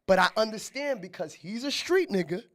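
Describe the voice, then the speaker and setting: High voiced guy from new york, podcast cohost, argues a lot, laughs a bunch. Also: fairly quick. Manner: animated, argumentative, laughs often. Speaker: podcast co-host. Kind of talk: casual chat.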